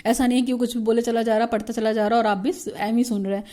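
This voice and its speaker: A woman teacher giving an explanatory lesson, asking herself questions, restarting words and reading out English lines slowly. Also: a little high, flat delivery, dark tone. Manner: mixes Hindi with slow, drawn-out English read-outs; frequent self-questions and restarts.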